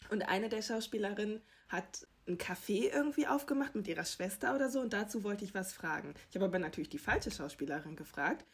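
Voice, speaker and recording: Young female reporter, slightly husky, chatty self-mocking storyteller. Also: medium pitch, expressive, quick pace. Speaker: TV entertainment reporter. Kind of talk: casual interview answers, anecdotes.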